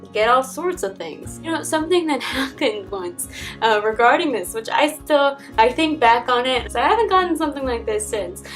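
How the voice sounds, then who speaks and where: A young adult American woman with a fairly high voice shares personal stories to camera in a casual, animated vlog, acting out quoted conversations at a normal pace. The mic sits a bit far from her, and acoustic folk instrumental music plays softly in the background.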